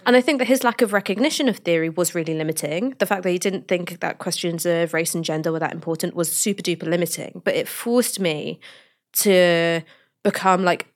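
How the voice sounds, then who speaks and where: A woman co-hosting a casual panel discussion, telling stories in an animated, candid way. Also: fairly low pitch, brisk. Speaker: co-host.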